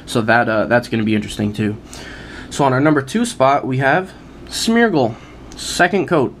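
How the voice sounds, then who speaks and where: Excited man talking card picks. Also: medium pitch, moderate pace, a little hiss or hum. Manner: enthusiastic, many filler "uh"s, laughs at himself. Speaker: card game channel host. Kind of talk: casual video commentary.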